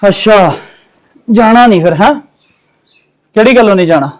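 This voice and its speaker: A man's voice: high voice, expressive, normal speed. A man playing a fatherly elder brother who lectures his younger brother in a family drama. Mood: reproachful. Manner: reproachful, lecturing. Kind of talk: Punjabi family drama acting.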